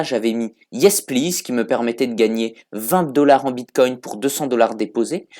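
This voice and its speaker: Male tutorial host, chatty step-by-step app walkthrough, mid-pitched, relaxed. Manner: chatty, talks the viewer through each step. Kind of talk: casual screen-recorded app walkthrough.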